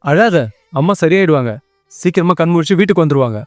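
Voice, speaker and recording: A worried young son reassures his family, speaking quickly in a close, dry voice, voiced by a man in a TV serial dub. Faint music sits under him. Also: fairly high pitch, lively intonation, no room sound, natural voice. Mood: comforting. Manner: reassuring, coaxing. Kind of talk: TV serial dubbing.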